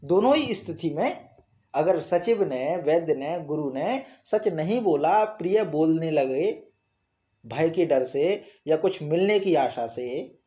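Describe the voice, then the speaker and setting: A man teaching an online scripture class, explaining verses and chanting Sanskrit lines slowly. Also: a little high, animated, warm tone. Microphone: online class recording.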